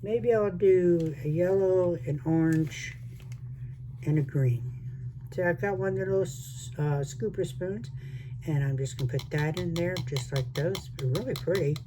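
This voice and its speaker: This is casual crafting vlog chatter from a retired, older resin channel host with a mixed Southern American accent, who rambles on and addresses viewers as y'all while making something from resin. The voice sits at medium pitch and runs a bit slow. Background noise is audible.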